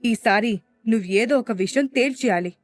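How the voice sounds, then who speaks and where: A woman's voice: a little high, moderate pace, dry recording, lightly acted. Pushy middle-aged mom, woman narrator voicing her, insistent and scolding, audio drama.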